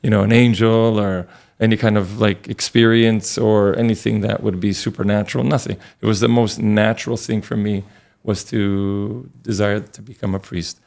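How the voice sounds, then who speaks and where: A middle-aged man from Connecticut, a priest telling his life story in an earnest, relaxed way as an interview guest. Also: lowish voice, normal speed, vocal fry, few pauses. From Connecticut, USA.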